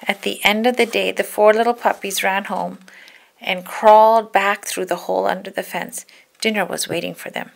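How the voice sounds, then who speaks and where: A storybook narrator reads a scripted children's story aloud in a mid-pitched, quite creaky voice with fairly even intonation. She tells it expressively and deliberately, leaning on key words.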